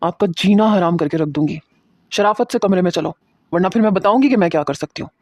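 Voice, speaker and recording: A man voicing a defiant, sharp-tongued young bride who scolds and threatens her new husband. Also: sits high, no room sound, dull audio. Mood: threatening.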